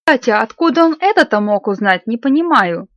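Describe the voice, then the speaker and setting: A woman reading aloud, voicing a gentle, grieving middle-aged father with tender, earnest warmth. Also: on the high side, lively intonation, brisk, dry recording, lightly acted. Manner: tender, earnest, choked with feeling. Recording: slightly muffled dry recording.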